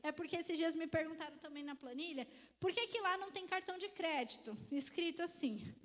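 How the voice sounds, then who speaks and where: A woman with a Brazilian Portuguese accent giving a seminar on personal finances at a church, telling lively stories and acting out conversations with clients. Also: very high voice, brisk. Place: church hall. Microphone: microphone. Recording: reverberant church hall.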